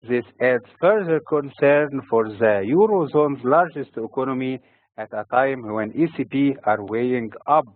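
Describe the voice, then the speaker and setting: Formal market commentator, tinny sound. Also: male voice, mid-range voice, dry recording. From Egypt. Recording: tinny phone-like recording.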